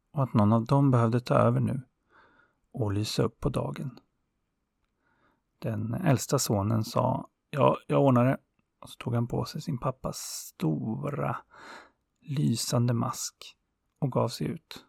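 A man tells a folktale in a calm, unhurried way, with the odd small filler. His voice has a strong gravelly fry and a husky grain. The recording is dry and close. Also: mid-range voice, no echo. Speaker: storyteller. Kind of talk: oral folktale narration.

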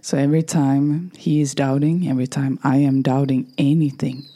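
A woman hosting a motivational solo podcast, her voice going hoarse, talking unhurriedly and slipping into soft whispered asides. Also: rumbling low, little pitch movement, normal speed. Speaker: podcast host.

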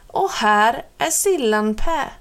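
A woman voicing a kind young nanny who speaks gently and lovingly. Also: on the high side, animated. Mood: tender. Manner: soft, affectionate.

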